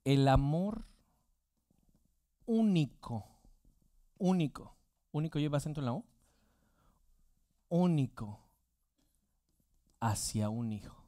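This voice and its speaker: A man's voice: fairly high pitch, expressive, takes it slowly, pauses often, mellow, no echo, clean studio sound. A man preaching a sermon as pastor, asking the congregation rhetorical questions.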